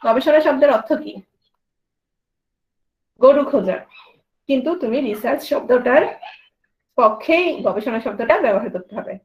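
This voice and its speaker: High-voiced woman teaching grammar. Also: expressive, normal speed, pauses often, dull audio. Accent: Bangladeshi Bengali. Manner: quizzing students with questions, then answering. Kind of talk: grammar lesson.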